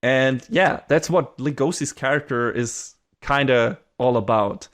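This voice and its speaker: A man's voice: medium pitch, measured pace. Swearing, rambling man on a podcast. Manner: rambling, swears casually, laughs often. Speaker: podcast co-host. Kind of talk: casual podcast chat.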